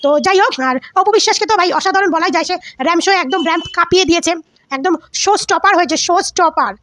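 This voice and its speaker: A woman's voice: very high-pitched, very fast, fairly bright tone, no room sound, studio quality. A woman vlogger giving heated celebrity gossip commentary, scolding and insulting with lots of repetition.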